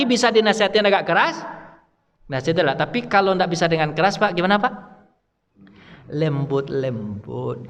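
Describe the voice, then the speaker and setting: Loud man lecturing in a reverberant mosque. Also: a little high. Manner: loud voice, keeps addressing listeners as "Pak". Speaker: Islamic preacher and teacher. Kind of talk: mosque study-circle lecture. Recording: long mosque hall reverb.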